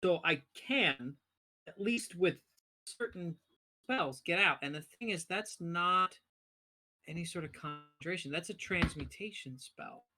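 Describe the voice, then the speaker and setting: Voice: medium pitch, measured pace, sharp tone. A player in a tabletop game, carefully explaining how a spell works. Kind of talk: casual tabletop game chat.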